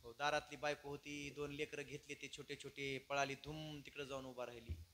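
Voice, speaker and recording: A man's voice: medium pitch, flat delivery, fairly quick, pushed and bright, slight background noise. A man preaching a kirtan, telling a moving story dramatically to his listeners. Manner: dramatic, emotional storytelling to the audience.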